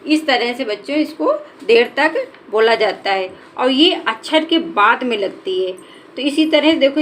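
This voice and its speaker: A woman teaching a children's reading lesson, stretching out syllables slowly and clearly as she sounds out each word. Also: fairly high pitch, a little hiss or hum. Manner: drawn-out syllables, slow and clear.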